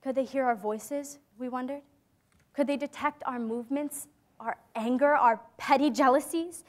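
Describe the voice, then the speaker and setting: A young adult woman plays an earnest teenage girl in a staged reading of a drama, her natural voice high and youthful. She delivers her lines deliberately in a mood of sorrowful recollection, clinging to hope as someone who has lived in hiding.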